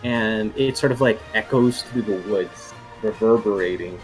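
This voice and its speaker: Homme lent, meneur de jeu hésitant. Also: male voice, fairly low pitch, measured pace, over loud music. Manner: rambling, many fillers and restarts. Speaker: game master. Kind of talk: narrating a tabletop game.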